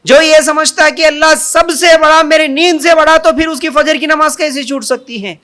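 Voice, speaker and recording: High, bright-voiced male preacher. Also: steady tone. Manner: repetitive rhetorical questions and lists; emphatic, drawn-out takbir calls. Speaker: Islamic preacher. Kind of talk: Urdu sermon.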